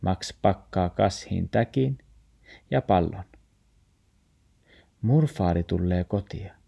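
A man reading a children's story aloud in a calm, even manner. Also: low voice, vocal fry, breathy edge. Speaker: narrator.

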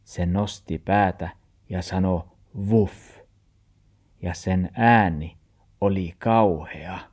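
A man with a Tornedalian Meänkieli accent, narrating a children's storybook in a measured, expressive way. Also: low voice. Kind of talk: storybook reading.

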